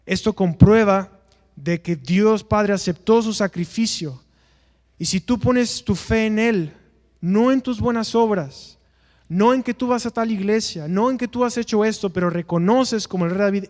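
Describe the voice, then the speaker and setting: A man's voice: high-pitched, darkish tone, big-room sound. A man teaching an evangelism class in a church, earnest and preacher-like, asking rhetorical questions and answering them himself.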